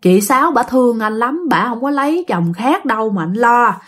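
A woman voicing a mother softly coaxing a ghost to move on, with a Southern Vietnamese accent. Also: on the high side, animated, normal speed. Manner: soft coaxing pleading. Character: gentle middle-aged mother coaxing a ghost.

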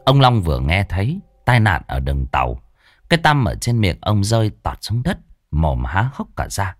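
A man's voice: low-pitched, big pitch swings, normal speed, no echo, clean studio sound, soft background music. A man narrating a horror story expressively.

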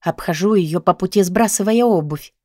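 A woman narrating a novel in the first person, in a steady, even storytelling manner. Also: lowish voice, normal speed, no room sound, clean studio sound. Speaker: audiobook narrator.

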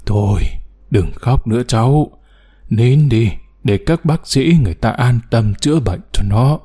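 A man's voice: medium pitch, a little slow, breathy edge. A man voicing a kindly old woman in a hospital bed, consoling a grieving young mother in an audiobook. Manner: soothing, gently scolding.

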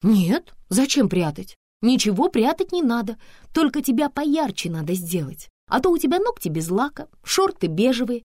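A woman voicing a pushy young female image consultant who talks high, excited and insistent. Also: normal speed, dry recording, studio quality.

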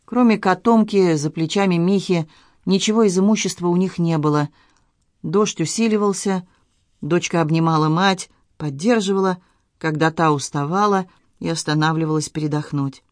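A woman narrating an audiobook in a measured, expressive literary reading style, recorded in a studio. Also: fairly low pitch, no room sound.

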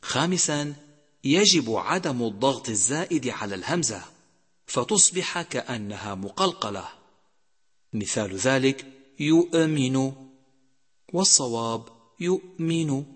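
A man teaching Quran recitation rules in a measured way, slowly drawing out each example word. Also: medium pitch, big pitch swings, fairly bright tone, husky. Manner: measured, numbered points, slowly drawn-out example words. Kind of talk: instructional lesson. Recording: long hall reverb.

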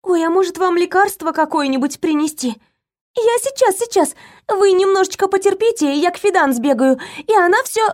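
A woman voicing a fussy, kind young female maid who chatters rapidly. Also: extremely high pitch, lively intonation, pitched above the performer's own voice. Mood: eager.

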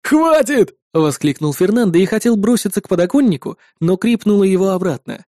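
A male narrator reads an adventure story in first person and changes his voice for each character he quotes. His voice sits high for a man, with a soft, mellow tone. The recording is close and dry, with no room echo. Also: animated, quick pace. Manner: shifts pitch and loudness to voice different characters. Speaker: audiobook narrator.

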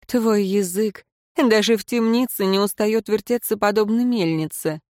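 A woman voicing a grieving, sharp-tongued young heroine in a fantasy audiobook, tearful and high-strung. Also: moderate pace, no echo, studio quality, close to an everyday voice.

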